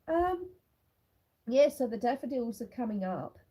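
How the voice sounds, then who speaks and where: Her voice sits a little high, warm and breathy, very animated yet measured in pace. She's a homestead host chatting live with viewers by name outside, filmed on a tripod-mounted phone. Lingering snuffles and a cough remain from a long illness.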